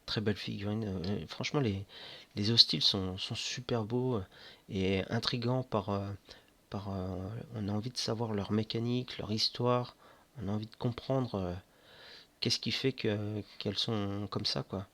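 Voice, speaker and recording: A man describing board game miniatures in a slow, hesitant casual commentary full of fillers. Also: on the low side, fairly even intonation, fairly bright tone. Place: indoors at home near board games.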